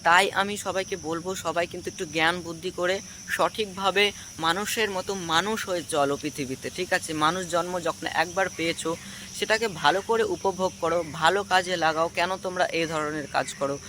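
A man giving a moralizing vlog monologue, lecturing viewers and often checking in with a quick "all right?". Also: high-pitched, sharp tone, slight background noise. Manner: preachy, keeps asking "ঠিক আছে?". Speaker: vlogger.

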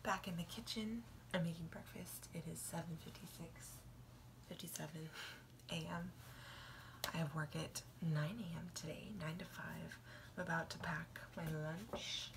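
Young woman, whispered vlog, hushed, low, home kitchen, phone mic. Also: heavy background noise. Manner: quiet whisper so as not to wake someone. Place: home kitchen, early morning.

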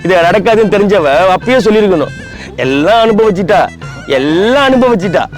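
A man's voice: sits high, animated, a little fast, faint music behind. A man, pleading dramatically outdoors in a public prank about heartbreak. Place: outdoors by a lake.

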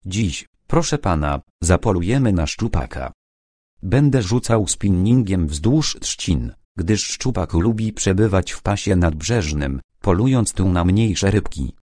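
A man's voice: low-pitched, animated, a little slow, a little mellow, no room sound, clean studio sound. A man voicing a pompous, self-important middle-aged angler who lectures everyone about fishing. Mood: lecturing. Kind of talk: audiobook character reading.

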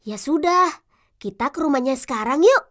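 A woman's voice: high-pitched, animated, moderate pace, fairly bright tone. A woman voicing a playful, teasing young village boy in a children's TV drama. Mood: coaxing.

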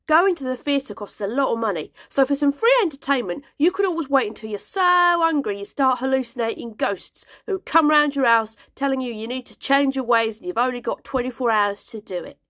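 A woman's voice: sits high, animated, brisk, hardly any pauses, a bit bright, dry recording. A woman playing a cheerful, morbid Victorian urchin, breezily delivering grim comic tips. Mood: chirpy. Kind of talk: comic sketch monologue.

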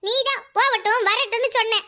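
A woman's voice: extremely high pitch, brisk, bright, forceful tone. A woman voicing a fiery young daughter. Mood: consoling, indignant. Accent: Kanyakumari Tamil. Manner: questioning, indignant. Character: young daughter, loyal and quick to take offence.

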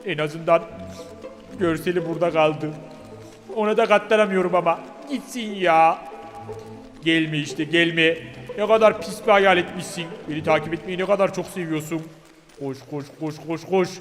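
Excitable man voicing a pitbull in a game. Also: a little high, normal speed, soft background music. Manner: exclaiming, blunt, swears casually. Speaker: gaming YouTuber voicing his character. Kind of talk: voiced gameplay role-play.

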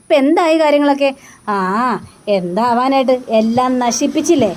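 A high-voiced woman chats through a TV serial episode, slipping into the characters' lines as she goes. A faint background hum sits under her voice. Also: lively intonation, normal speed, darkish tone. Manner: acts out characters' lines in quotes while narrating, with fillers. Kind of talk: casual retelling of a TV serial episode.

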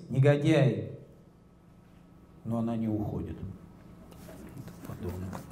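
A man's voice: mid-range voice, dark tone, a little hiss or hum. Man reading stories in a roomy hall. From Russia. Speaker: author reading his own stories. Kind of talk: public reading of short prose. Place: indoor hall at a book evening. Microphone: handheld microphone.

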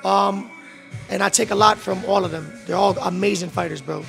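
Young man with a gravelly voice. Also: sits high, moderate pace, over music. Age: 20s. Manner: relaxed, street slang, many "bro" and "um". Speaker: professional boxer, guest. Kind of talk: casual interview answers. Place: boxing gym beside a ring, indoors. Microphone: handheld mic.

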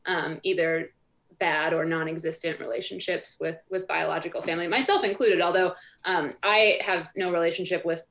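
A woman's voice: lowish voice, steady tone, normal speed, fairly bright tone. Thoughtful woman guest on a video call. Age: 30s. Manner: thoughtful, many fillers like um and like. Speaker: author and guest. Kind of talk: remote interview answers. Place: home room over video call.

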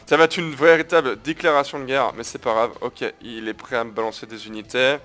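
A man hosts his gaming video, walking viewers through a strategy match in a casual, crude, chatty way full of slang and repeated "guys." His medium-pitched voice is fairly bright and fairly even in intonation, moving briskly over soft background music.

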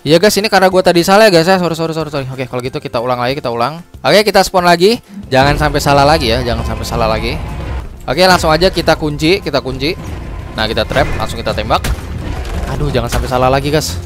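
A young man with a slightly high voice gives relaxed, chatty gameplay commentary, talking straight to his viewers. He rambles, apologizes quickly when he slips, and keeps the tone light. Background music plays clearly under his voice. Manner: chatty, says guys constantly, quick apologies and laughs at his own slips. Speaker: gaming channel host. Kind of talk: casual gameplay tutorial commentary.

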